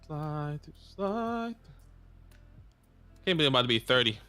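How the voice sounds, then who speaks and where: A man's voice: a little high, very animated, a little slow, pushed and bright, smooth, soft background music. A man in his late twenties co-hosting a casual livestream, laid-back and chatty. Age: 20s. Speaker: co-host.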